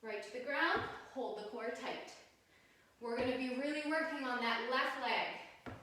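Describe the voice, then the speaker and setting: Female aerobics instructor, higher-pitched, encouraging cueing and counting, recorded off-mic in a very echoey home room. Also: a little slow, pushed and bright. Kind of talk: live home workout class instruction. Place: sunny room at home, indoors. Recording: very echoey room, distant mic, faint noise.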